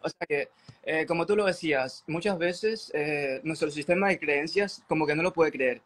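A man's voice: on the high side, normal speed, a bit bright. A young man from Ecuador on a video call from an indoor room, eagerly praising a mentorship with lots of fillers. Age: young adult. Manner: eager, admiring, many fillers like "o sea" and "te juro". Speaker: mentorship student.

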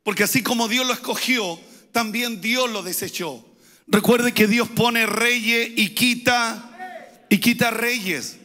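High, bright-voiced man preaching a sermon. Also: slow pace. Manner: preaching with rising emphasis and repeated phrases. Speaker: pastor. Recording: hall reverb.

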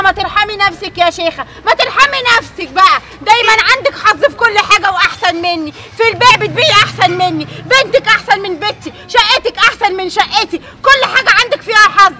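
A woman's voice: very high-pitched, expressive, distant mic, crowd noise. A woman with an Egyptian accent playing a jealous, bitter aunt in a comedy skit. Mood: bitter, tearful. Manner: sharp, resentful, quick-tempered. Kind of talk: comic skit acting.

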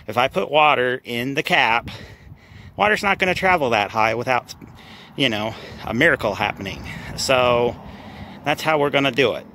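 A man's voice: mid-range voice, sharp tone, slight background noise. A man, casually walking viewers through his car restoration in a garage, rambling and folksy.

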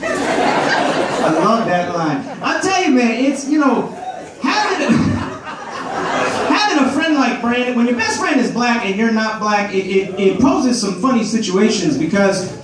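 High-voiced man doing stand-up in an echoey theater. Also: a little slow. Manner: animated, acts out characters in shifting voices. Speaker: stand-up comedian. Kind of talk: stand-up comedy set. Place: large theater stage. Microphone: handheld mic, filmed from the audience. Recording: roomy echo, far from camera, loud crowd noise. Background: laughing crowd.

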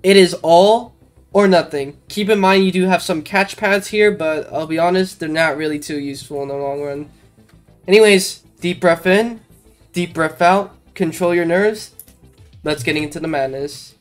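With game music running in the background, someone narrates a game walkthrough in a relaxed, informal style, poking fun at themselves along the way. The voice is mid-range and moves at normal speed.

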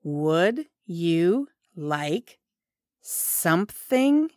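A woman's voice: fairly low pitch, big pitch swings, extremely slow, a little mellow, dry recording, clean studio sound. A woman teaching English phrases, saying each one whole, then word by word. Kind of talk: slow repeated phrase drilling.

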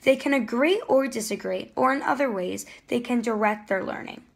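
A woman's voice: on the high side, moderate pace, creaky. A teenage girl earnestly reading explanatory narration for a school history project. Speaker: student narrator.

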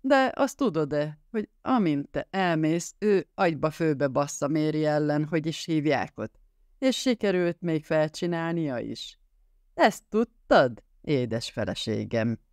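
A raging drunk husband, slurring and snarling as he bullies a room at gunpoint, put on by a male audiobook reader. The voice pushes up high and loud with wild swings. It is close and dry with no room sound. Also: expressive, no room sound. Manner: snarling, yelling, slurring threats. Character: drunk violent jealous husband with a gun.

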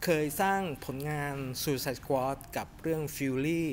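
A middle-aged man giving a casual, animated film review to camera in a cinema lobby, chatting with lots of fillers. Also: mid-range voice, slow pace, a little hiss or hum. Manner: chatty and animated, refers to himself by nickname, many fillers. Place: cinema lobby in front of a movie poster, indoors.

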